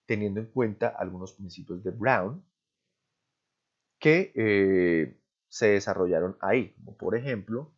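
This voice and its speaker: A man's voice: fairly low pitch, measured pace, dull audio. A male professor gives an online class, explaining step by step and often checking with "¿sí?" and "¿listo?".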